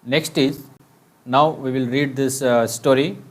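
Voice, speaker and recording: A man, a primary school teacher explaining a textbook story to children in a slow, halting way with many fillers, reading aloud and imitating bird calls. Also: medium pitch, steady tone.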